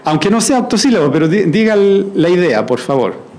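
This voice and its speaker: A man's voice: sits high, very animated, a little fast, a little mellow, rough recording. A man leading an audience through a group verse-writing activity, coaxing answers with frequent check-ins. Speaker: workshop facilitator. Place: event hall at a university launch.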